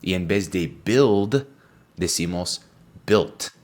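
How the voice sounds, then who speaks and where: Deep-voiced American man teaching slowly. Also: lively intonation. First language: English. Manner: spells words letter by letter and repeats examples slowly. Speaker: English teacher. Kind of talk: slow, clear language lesson.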